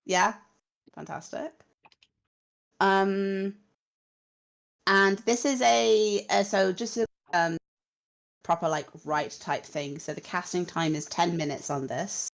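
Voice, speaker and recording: A woman running a tabletop game as game master, narrating the scene in a halting way with fillers and restarts. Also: fairly low pitch, steady tone, gravelly, rough recording.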